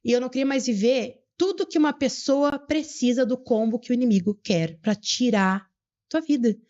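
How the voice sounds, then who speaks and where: A young adult woman, telling her personal story as a podcast guest in an earnest, fervent way and slowing down for emphasis. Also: fairly high pitch, darkish tone, highs cut off. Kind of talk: emotional personal testimony.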